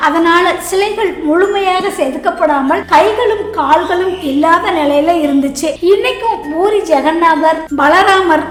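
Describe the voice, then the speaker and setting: A woman narrating a scripted devotional story to her listeners as a channel host. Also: very high voice. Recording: roomy echo.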